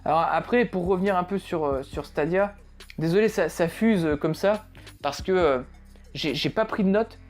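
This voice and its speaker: A man's voice: high voice, moderate pace. A man ranting off the cuff about games, blunt and full of slang and swearing. He stumbles over his words, repeats himself and keeps asking exasperated rhetorical questions. A little music plays faintly behind him. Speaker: gaming video creator. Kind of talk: unprepared casual rant.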